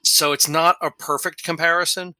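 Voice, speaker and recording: A man from New York co-hosting a podcast, his voice very bright and sharp against a dry, close sound. He talks with eager enthusiasm and rambles through restarts as he explains. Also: fairly high pitch, level tone, normal speed, dry recording. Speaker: podcast co-host. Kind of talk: casual podcast chat.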